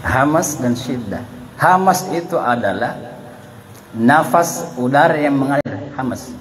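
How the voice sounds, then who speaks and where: A man's voice: medium pitch, expressive, measured pace, crowd noise, poor audio. Indonesian man teaching Quran recitation. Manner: explains patiently, demonstrates letter sounds aloud. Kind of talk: classroom Quran lesson.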